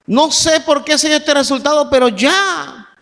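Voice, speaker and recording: A man preaching a sermon, reading scripture verses and then building to shouted emphasis. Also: very high voice, unhurried, gravelly. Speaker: pastor. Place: church sanctuary. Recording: long church reverb, faint music.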